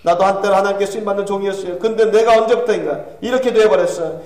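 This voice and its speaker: A man's voice: high voice, very fast, a little mellow, close to an everyday voice. A preacher voicing a tormented damned man in hell who pleads for forgiveness and blames himself, recorded with a distant mic in an echoey church hall. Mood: anguished, remorseful. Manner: pleading, self-reproaching.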